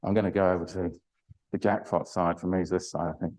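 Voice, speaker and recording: An older man teaches a Pilates class in a slightly low voice. He talks in a loose, chatty way, full of ums and restarts, and lets out effortful groans while he massages a sore spot. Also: level tone, fast, a little mellow, rough recording. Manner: chatty, hesitant, many fillers and restarts. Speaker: Pilates instructor. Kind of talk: live online exercise class.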